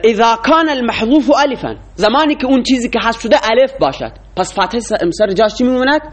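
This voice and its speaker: A man's voice: very high voice, lively intonation. A man teaching a classroom lecture, explaining rules and quizzing his students with frequent questions.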